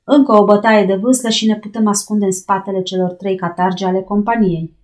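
A woman voicing a gruff, defiant old male boat captain who barks orders and grumbles. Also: mid-range voice, fairly even intonation, darkish tone, natural voice. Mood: commanding.

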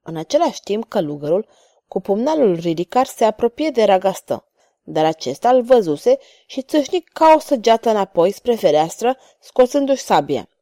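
A woman reads a swashbuckling novel aloud with expressive, animated intonation. Her voice is warm and mellow, recorded close and dry with no room sound. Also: mid-range voice, no echo. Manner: expressive, voices every character. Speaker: narrator. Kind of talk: audiobook reading of an adventure novel.

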